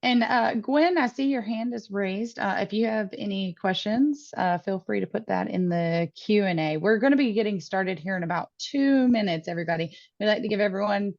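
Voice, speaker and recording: A woman moderating a webinar over a video call, upbeat and quick to laugh. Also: mid-range voice, darkish tone, dry recording. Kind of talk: webinar hosting. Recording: muffled online call audio.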